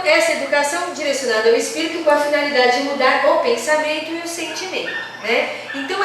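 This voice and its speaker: High-voiced woman teaching in an echoey hall. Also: fairly bright tone. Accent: São Paulo Brazilian Portuguese. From Brazil. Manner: conversational, asks the audience questions, acts out quoted voices. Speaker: workshop speaker for religious teachers. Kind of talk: teaching workshop talk. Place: community hall. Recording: very echoey hall, distant mic, faint noise.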